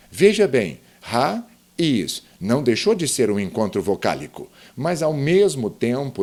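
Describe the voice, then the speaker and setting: A man's voice: medium pitch, a little mellow. A man teaching a grammar lesson online, explaining step by step and often asking his viewers questions.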